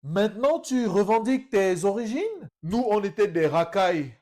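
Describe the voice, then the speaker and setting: A male political commentator mocks the video clips he's reacting to, speaking straight to his viewers and calling them brothers. His voice is high-pitched, sing-song and a little mellow, at normal speed.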